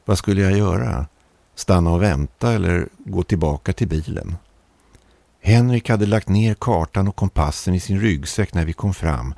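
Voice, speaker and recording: A man reading an eerie first-person story aloud in a measured, calm narrating manner. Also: low voice, creaky, dry recording.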